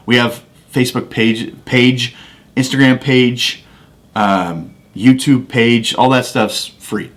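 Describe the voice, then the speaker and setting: Folksy man telling a story. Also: medium pitch. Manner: conversational storytelling, folksy, with restarts. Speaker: podcast host. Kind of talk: casual faith-based podcast talk. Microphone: studio microphone.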